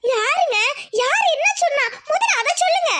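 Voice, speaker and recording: A woman doing a pleading village mother, very high. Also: expressive, normal speed, heavy background noise. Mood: anxious. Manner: pleading, anxious. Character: worried village mother, middle-aged woman.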